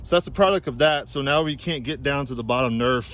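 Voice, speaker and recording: A man's voice: medium pitch, fast talker, fairly bright tone. Laid-back young guy, noisy shop audio. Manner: joking, laid-back, trailing off mid-sentence. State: out of breath. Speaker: race team member filming. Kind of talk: casual chat while loading gear.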